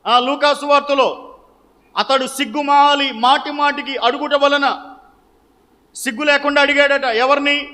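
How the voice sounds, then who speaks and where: A man with a very high, bright, forceful voice leads a question-and-answer Bible teaching. He quizzes the listeners, supplies the answers himself and repeats key phrases to drive them home. His voice rings out with the long reverb of a large hall. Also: fairly even intonation, a little slow, pauses often.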